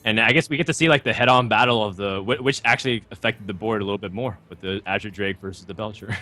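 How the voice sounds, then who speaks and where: A man's voice: lowish voice, quick pace, pushed and bright. A man giving live card game commentary, thoughtful and analytical, with frequent ums and likes. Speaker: esports commentator.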